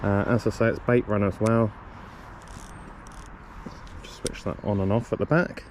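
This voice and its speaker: A man's voice: lowish voice, unhurried. A man vlogging outdoors by the water, casually talking through his fishing gear with lots of ums, and coughing now and then. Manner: relaxed, rambling, lots of ums and self-corrections. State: coughing a lot. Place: outdoors on a riverbank. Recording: outdoor recording with clear background noise.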